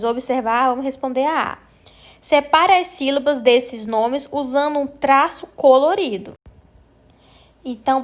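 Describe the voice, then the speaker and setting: A high-pitched Brazilian woman explains a primary school lesson step by step. She talks with patience and stretches out example words syllable by syllable so that young children can follow along. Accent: Brazilian Portuguese.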